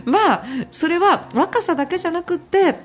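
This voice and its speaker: A middle-aged woman with a high, very expressive voice hosts a late-night radio advice show, chatting freely and laughing through her stories. A slight flavor colors her speech, and the broadcast audio sounds a little dull. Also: moderate pace, soft background music. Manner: chatty, laughs often, animated storytelling. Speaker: radio host and business consultant. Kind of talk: casual radio advice talk.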